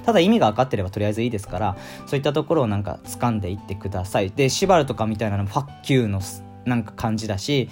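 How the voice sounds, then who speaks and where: A man hosting an online Korean phrase lesson, lecturing in an animated, emphatic way. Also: mid-range voice. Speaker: Korean language teacher.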